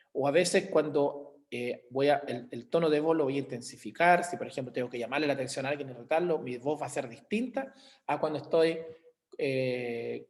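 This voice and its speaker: His voice is a little high with a darkish tone, and his accent is Chilean Spanish. He's teaching an online class through a computer mic on a video call, illustrating points with everyday examples and checking on his students.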